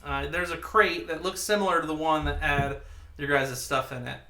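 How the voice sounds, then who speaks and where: A man running a tabletop game, narrating loosely and joking with his players. His voice is bright and a bit high, and the room around him echoes. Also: fairly even intonation, normal speed. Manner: loose, joking, full of fillers and restarts. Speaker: game master.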